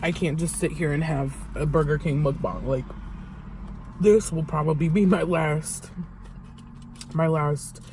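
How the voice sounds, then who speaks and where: A young adult woman talking to camera in a confessional vlog, halting and vulnerable, with many fillers and restarts. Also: low-pitched, dark tone, slight background noise. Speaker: vlogger.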